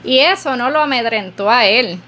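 A woman's voice: a little high, animated, moderate pace, pushed and bright, slight background noise. A woman podcast host giving an earnest, preacherly devotional talk, repeating phrases for emphasis.

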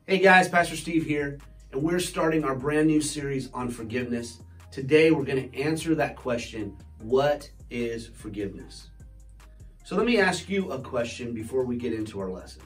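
A man's voice: medium pitch, lively intonation, normal speed, faint music behind. A male pastor teaching a children's lesson, talking directly to kids and asking them questions. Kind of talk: children's sermon.

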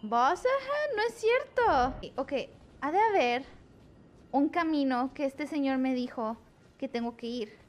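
A woman's voice: sits high, expressive, a little slow. A woman streaming a video game, chatting playfully and mixing English words into her Spanish. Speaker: gaming streamer. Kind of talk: casual gameplay commentary.

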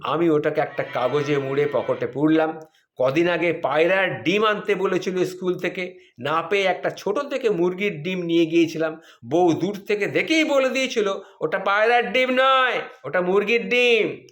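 A man's voice: a little high, moderate pace. A man telling funny stories about his married life in a wry, self-mocking way. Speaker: storyteller. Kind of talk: humorous spoken storytelling.

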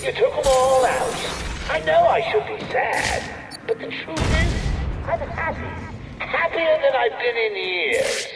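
Gleeful clown villain, very high and creaky, theatrical mockery, video game. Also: male voice, very animated, a little slow, far from the mic, noisy background, heavily acted. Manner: theatrical, mocking, swooping delivery. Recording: echoey hall reverb, music behind.

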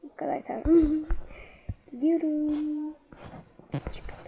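A young woman with a high voice talks slowly through her game, muttering to herself as she goes. The sound is dull and lo-fi, with a clear layer of noise underneath. She is relaxed and chatty, thinking out loud. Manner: talks to herself while playing, muttering and calming herself. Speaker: gamer. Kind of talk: casual gameplay commentary.

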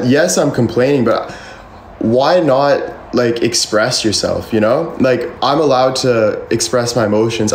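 Filmed on a phone held at arm's length in his bedroom, where a ceiling fan runs, a man in his twenties vents on a livestream. He rambles, sounding defensive and emphatic and swearing freely, in a mid-range voice. The room is echoey, with slight background noise.

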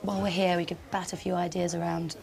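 A woman's voice: fairly low pitch, flat delivery, quick pace, gravelly, a little mellow, slight background noise. An actress playing a brusque, scornful female political adviser who swears freely.

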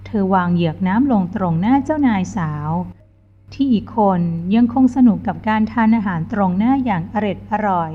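A woman narrating a scripted audio novel in a smooth, gentle reading voice. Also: mid-range voice, lively intonation, moderate pace. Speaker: storyteller. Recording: dull lo-fi with faint music.

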